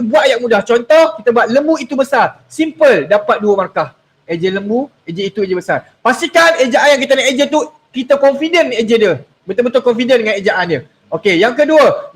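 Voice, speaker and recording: A young man with a Malaysian Malay accent, a religious teacher giving a playful exam revision class to students. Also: extremely high pitch. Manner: playful, storytelling, coaxing students.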